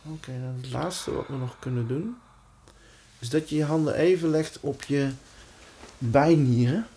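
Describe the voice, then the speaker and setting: A man leads a guided relaxation in a soothing, reassuring manner. His mid-pitched voice is soft-edged and mellow, with plenty of gravelly fry. He gives short, gentle instructions and leaves room between them. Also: slight background noise. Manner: calm, soothing, reassuring, with pauses. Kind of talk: guided breathing and body-awareness exercise.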